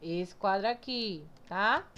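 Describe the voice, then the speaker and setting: A woman teacher explaining a grammar lesson step by step to her pupils, often checking understanding with short tag questions and slowly drawing out words as she sounds out their syllables. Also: mid-range voice, fairly bright tone. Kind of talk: recorded remote class lesson. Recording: dull lo-fi recording.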